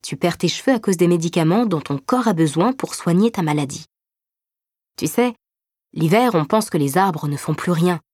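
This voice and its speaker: A woman voicing a gentle older brother who explains things patiently and reassuringly in a narrated story. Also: on the low side, expressive, normal speed, breathy edge, no room sound, studio quality. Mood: patient explaining.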